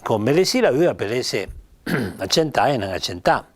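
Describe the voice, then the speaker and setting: A man with a Piedmontese accent explaining pronunciation in an informal lesson. His pitch rises and falls a lot, and he says sample words patiently and slowly, one at a time. He fills his pauses with hesitant "ehm" sounds. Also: very animated. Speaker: writer explaining spelling.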